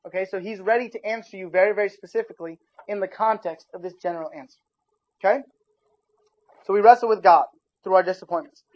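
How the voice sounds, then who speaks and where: Casual young preacher, lo-fi sound. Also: male voice, high voice, fast. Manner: casual, talks with his audience, animated asides. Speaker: youth pastor. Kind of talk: informal sermon. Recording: dull lo-fi recording.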